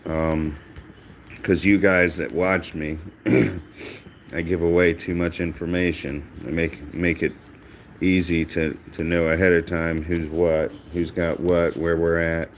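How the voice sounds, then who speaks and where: Low-voiced man with dry gameplay commentary. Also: measured pace, a little hiss or hum. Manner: dry, self-mocking, monotone. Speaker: gaming channel host.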